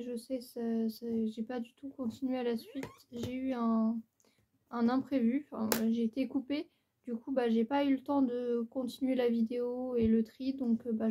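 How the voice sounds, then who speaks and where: Chatty woman, mellow voice. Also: fairly high pitch. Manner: chatty, hesitant, many fillers and restarts; apologetic. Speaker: YouTuber. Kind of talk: casual chat. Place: bedroom at home by a window.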